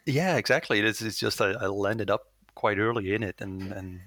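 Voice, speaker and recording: A Dutch man in his thirties speaks in a casual interview, his low voice gravelly yet bright. He talks in halting bursts, full of fillers and restarts. The recording is dry and close, with no room sound. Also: no room sound. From Netherlands. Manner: hesitant, many restarts and fillers, chuckles often. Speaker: lead software developer guest.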